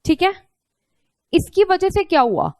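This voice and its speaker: A woman with a high, light voice teaches at an unhurried pace. She explains step by step and keeps asking and answering her own questions. The sound is close and dry, with no room around it. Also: very animated, darkish tone, no echo. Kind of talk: online lecture.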